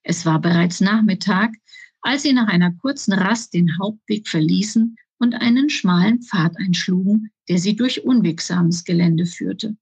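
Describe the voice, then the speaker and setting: A woman reads her children's book aloud in a calm, even storytelling voice. Her voice has a soft, breathy edge. She is recorded close up in a dry room. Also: medium pitch, unhurried, no room sound. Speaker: author reading her book.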